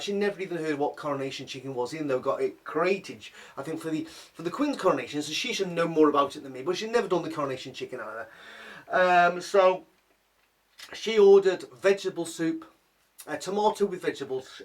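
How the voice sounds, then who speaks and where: A man's voice: fairly high pitch, distant mic. A middle-aged man telling a personal story in a rambling, exasperated way, often restarting his sentences.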